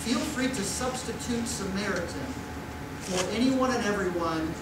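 A man's voice: sits high, lively intonation, moderate pace. A middle-aged man preaching a conversational sermon at a pulpit, with rhetorical questions and mock voices, recorded on a distant room mic in a church sanctuary. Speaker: pastor. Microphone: far room mic at a pulpit. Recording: echoey church from far off with noise.

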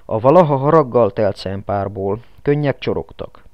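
A man narrating an audiobook in steady, scripted storytelling. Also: mid-range voice, no room sound. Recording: dull lo-fi, dry.

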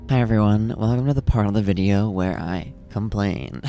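Young man with a gravelly low voice. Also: normal speed, soft background music. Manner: self-deprecating, calls his own voice monotone. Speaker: vlogger. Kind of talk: casual vlog talk to camera. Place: his parents' home.

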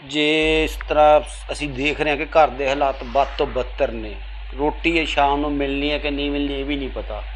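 A man's voice: on the high side, steady tone, brisk, slight background noise, low-quality recording. A male reporter interviewing a family, formally introducing each person and asking questions. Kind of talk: news interview.

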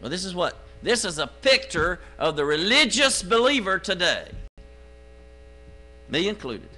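Animated man preaching a sermon. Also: measured pace, low-quality recording. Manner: preaching with swings from low asides to loud exclaims. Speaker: pastor. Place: church. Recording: live stream with faint mains hum.

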